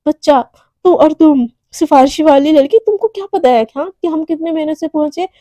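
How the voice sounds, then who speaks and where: A spiteful young woman office senior, put on by a woman narrator snipes at a junior in a high, mellow voice. Her taunts are sharp. The recording is dry and close. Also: quick pace, no room sound, natural voice. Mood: taunting.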